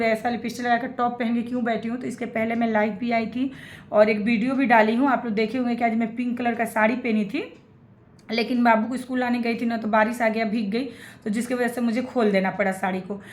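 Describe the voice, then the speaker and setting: A woman's voice: a little high, reverberant. A woman giving opinionated reaction commentary, repeating her points and putting questions straight to her viewers. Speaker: reaction vlogger.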